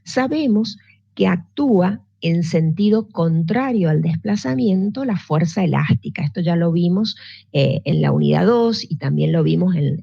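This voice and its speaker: Her voice is on the low side, creaky and warm with a breathy edge, as she teaches physics online. Patient explanations come with frequent restarts and check-ins with students, in a dry recording of dull lo-fi quality.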